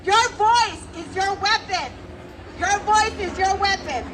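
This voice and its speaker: A woman working as a self-defense instructor, leading a crowd through call-and-response drills with commanding, energetic shouted cues into a handheld mic at an outdoor rally. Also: very high voice, slow, very noisy. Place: outdoor rally on a city hall lawn. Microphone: handheld microphone. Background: faint crowd.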